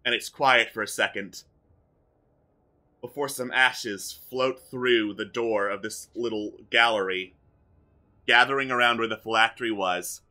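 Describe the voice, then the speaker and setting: Very bright, forceful male game master. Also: medium pitch, fairly even intonation, measured pace. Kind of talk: improvised narration of a tabletop fantasy game.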